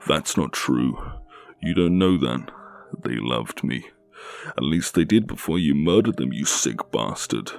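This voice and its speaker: A man's voice: very deep voice, lively intonation, unhurried, gravelly, faint music behind, voice pushed up, heavily acted. A man voicing a young female captive in a scary story, frantic and defiant, pleading or angry.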